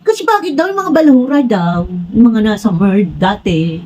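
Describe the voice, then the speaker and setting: A woman's voice: medium pitch, lively intonation, moderate pace, mellow. A blunt, frank woman talking straight to her viewers in a casual commentary vlog, rambling with many restarts. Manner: blunt, frank, says she is direct to the point. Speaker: vlogger commenting on online personalities.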